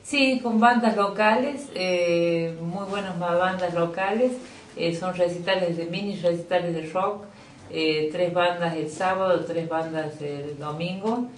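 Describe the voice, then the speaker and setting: A woman's voice: lowish voice, unhurried. A middle-aged woman with an Argentine accent, talking as a youth coordinator in a casual interview, chatty with many fillers and restarts. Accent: Argentine Spanish. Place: small office indoors. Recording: echoey room, distant mic, faint noise.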